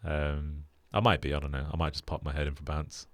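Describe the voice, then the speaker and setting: A young British man hosting a casual podcast chat, relaxed and flat in delivery with lots of fillers. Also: extremely low pitch, brisk, no room sound. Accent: British English. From Britain. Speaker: podcast host.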